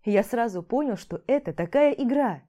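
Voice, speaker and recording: A woman voicing a young man who gently coaxes and soothes his partner in a warm, mellow voice. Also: fairly high pitch, expressive, moderate pace, lightly acted. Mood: tender coaxing. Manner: tender, coaxing.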